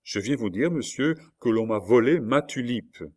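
A man's voice: medium pitch, expressive, moderate pace, darkish tone, natural voice. Brief: man doing a bold young tulip grower, pleading and insistent, audiobook reading. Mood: indignant.

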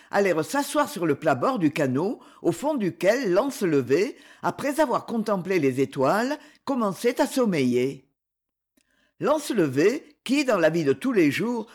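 An audiobook narrator reads a classic novel in an expressive, measured way. The voice moves widely in pitch and brings the story to life.

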